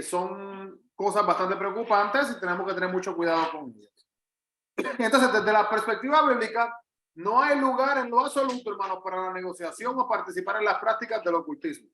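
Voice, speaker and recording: A Puerto Rican man with a Puerto Rican Spanish accent pastors a Bible study, teaching conversationally and with earnest emphasis, repeating phrases to add weight. His high voice sounds bright and forceful, and the poor-quality audio is reverberant.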